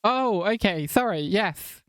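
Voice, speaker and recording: Wry streamer with a slightly high voice. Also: male voice, lively intonation, slow pace, a bit bright, no room sound, studio quality. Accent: non-rhotic English. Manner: chatty, wry and self-mocking, laughs often. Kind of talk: casual live-stream chat while gaming.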